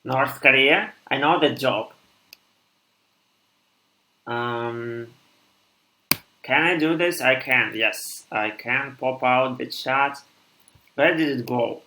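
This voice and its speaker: A young man in his twenties from Russia with a Russian accent, thinking aloud haltingly as he codes on a live stream and answers chat. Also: medium pitch, bright, forceful tone, reverberant, rough recording. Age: 20s. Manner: halting, thinks aloud with many pauses and restarts.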